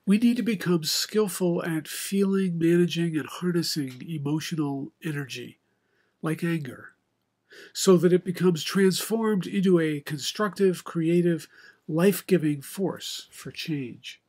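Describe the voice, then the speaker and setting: Slow, husky-voiced older male pastor. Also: on the high side, darkish tone. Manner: measured, reflective delivery with many pauses. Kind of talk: sermon. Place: home study with bookshelves. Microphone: video call webcam, head and shoulders.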